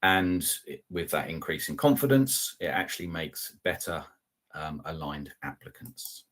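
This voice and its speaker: A middle-aged man with a bass voice and fairly bright tone speaks a little slowly, presenting a live product webinar as a customer success manager. Using slides and screen share on a video call via webcam, he talks conversationally with polite asides, fillers and restarts.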